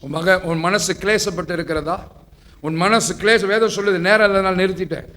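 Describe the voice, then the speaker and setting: A man delivers a church sermon in a high voice. He fires rhetorical questions at the congregation and draws answers back from them. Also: fairly quick, pushed and bright. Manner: preaching with rhetorical questions and call-and-response. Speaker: pastor.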